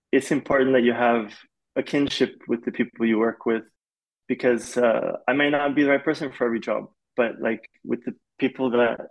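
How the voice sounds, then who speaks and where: A young film composer who grew up in Malaysia talks casually in an interview, his medium-pitched voice captured on a rough recording. He's relaxed and rambling, dropping "like" again and again.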